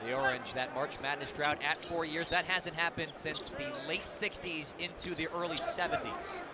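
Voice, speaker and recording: With fairly even intonation at normal speed and a voice on the high side, an American man calls a basketball game live on radio from an indoor arena. His clipped, descriptive commentary rises for big plays over clear game noise and basketball bounces.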